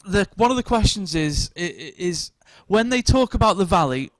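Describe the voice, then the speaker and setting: A man with a higher-than-usual voice hosts a casual, comic podcast. He rambles jokily through his anecdotes. The sound is dry, with very little room. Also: expressive, normal speed, fairly bright tone, dry recording, rough recording. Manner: rambling, jokey anecdote-telling. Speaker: podcast host.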